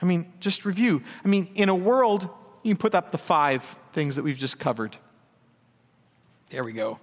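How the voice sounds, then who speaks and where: Male pastor, high voice. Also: normal speed, in a large hall. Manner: conversational preaching with asides and jokes. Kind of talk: sermon.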